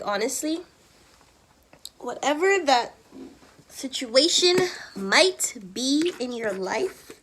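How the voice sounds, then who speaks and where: A young woman vlogger chatting casually to viewers while she does her makeup, animated and candid, slipping into whispered asides. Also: fairly high pitch. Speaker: beauty vlogger.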